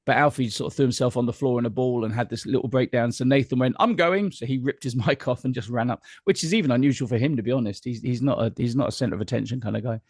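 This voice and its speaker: A quick, chatty middle-aged man spins anecdotes as an interview guest. His voice sits at an ordinary pitch, and the sound is dry and close with hardly any room in it. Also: steady tone, a little mellow, husky, no room sound. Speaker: guest entertainer. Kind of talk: casual interview chat.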